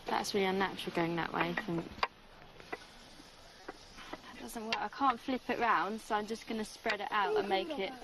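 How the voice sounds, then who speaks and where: A frank young woman from England speaks in an exasperated, self-conscious way, her voice sitting at an ordinary pitch. The recording was made in the field, with plenty of noise around her. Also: steady tone, moderate pace, pauses often. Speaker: reality show participant. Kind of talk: confessional and reactive chat.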